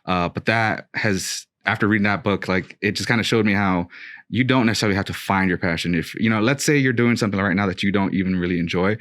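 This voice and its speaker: A man in his thirties, a podcast co-host from Brooklyn, talking in a relaxed, rambling way with lots of fillers. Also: on the low side, fast, no echo. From Brooklyn, New York. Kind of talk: casual chat.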